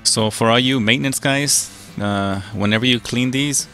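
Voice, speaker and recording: A man working as an HVAC technician, explaining his maintenance steps in a relaxed way with plenty of fillers, a little out of breath from his mask. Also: mid-range voice, normal speed, faint music behind. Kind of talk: casual how-to narration while working. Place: house basement and yard, on a service call.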